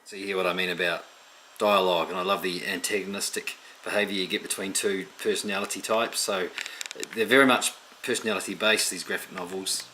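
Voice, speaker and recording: A man, an illustrator, chatting in a relaxed way about his own artwork with frequent ums, recorded as a close voice-over. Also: sits low, brisk, slight background noise, rough recording. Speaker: picture book illustrator.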